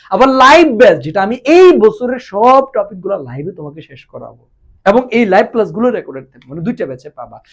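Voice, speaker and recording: A man gives an online exam-prep lesson in a high, very animated voice that leaps up and down between phrases. He keeps firing questions at his students and drags example words out slowly to demonstrate. He talks to them in a casual, brotherly way. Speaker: Bengali admission tutor.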